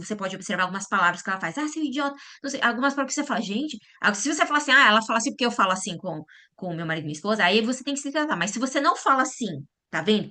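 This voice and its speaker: Woman giving a talk to parents, rapid and animated, keeps checking the room follows. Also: mid-range voice. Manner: acts out quoted voices. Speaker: lecturer at a church parents' talk. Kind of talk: lecture to parents.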